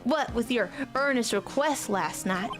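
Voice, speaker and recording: A woman's voice: a little high, measured pace, over music, lightly acted. Woman putting on a pompous older lawyer. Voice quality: pompous, fussy.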